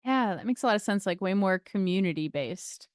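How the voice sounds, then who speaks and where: A woman hosting a live interview stream, chatty and encouraging. Her voice is dry and close with no room sound, and her pitch is mid for a woman. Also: lively intonation, fairly quick, dry recording. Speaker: host.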